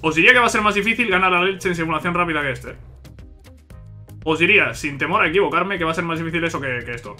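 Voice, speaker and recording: A man's voice: on the high side, fast talker, soft background music. A man commentating his football video game as he plays, talking to viewers, often repeating himself and complaining that the game is unfair. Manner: frustrated, repetitive ranting at the game, swearing; bursts into loud excited shouts at big plays. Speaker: gaming youtuber. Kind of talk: live gameplay commentary.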